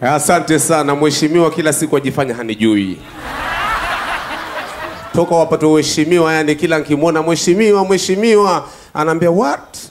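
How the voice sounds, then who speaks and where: Joking comedian on stage. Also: male voice, on the high side, fairly quick, a little hiss or hum. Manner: joking, leading the crowd in a chant. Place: outdoor concert stage. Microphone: handheld mic.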